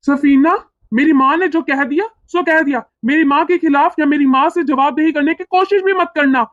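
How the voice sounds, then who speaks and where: Woman doing a stern cartoon husband, high voice, commanding, dull lo-fi sound. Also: moderate pace, no room sound, close to an everyday voice. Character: stern young husband, obedient to his mother.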